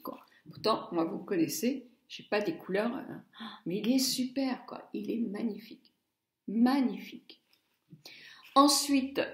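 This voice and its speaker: A woman's voice: fairly high pitch, reverberant. A middle-aged woman chatting through a makeup palette review, muttering asides and stumbling over English names. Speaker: beauty blogger.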